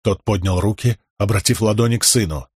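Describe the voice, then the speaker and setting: A man reading fantasy fiction aloud in steady, measured audiobook narration. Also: lowish voice, slightly rough, no echo, studio quality. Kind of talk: scripted narration.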